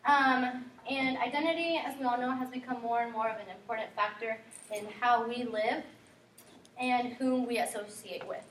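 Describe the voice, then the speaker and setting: A young woman from guatemala talks through a class presentation, earnest and sprinkled with ums. her voice sits a little high and comes from across an echoey classroom. faint background hiss. recorded from far off. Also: fairly even intonation, normal speed, fairly bright tone. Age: young adult. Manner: earnest, filler-heavy with frequent ums and likes. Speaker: student presenter.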